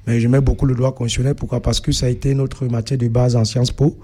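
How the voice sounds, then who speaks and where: As an interview guest, a young Cameroonian-accented man shares his own experiences in a very soft-edged, dark voice. His pitch barely moves and his delivery is flat. Halting and hesitant, he often fills gaps while hunting for the right words.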